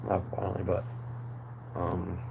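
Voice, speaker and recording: His voice sits low and comes out monotone and a little slow. He's a young livestream host from New Jersey, USA, losing his voice during a casual chat and rambling with fillers and false starts over clear background noise.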